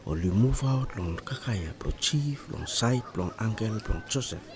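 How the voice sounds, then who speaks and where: Low-pitched ni-Vanuatu man narrating in Melanesian pidgin. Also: expressive, measured pace, a crowd in the background. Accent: ni-Vanuatu Bislama, Melanesian pidgin similar to Solomon Islands Pidgin.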